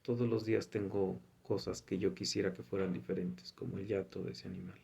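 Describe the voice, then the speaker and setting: A man's voice: low voice, level tone, fairly quick, creaky, a little mellow, husky. A man giving an informal Bible teaching, reading scripture aloud and commenting on it in a conversational way. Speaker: preacher.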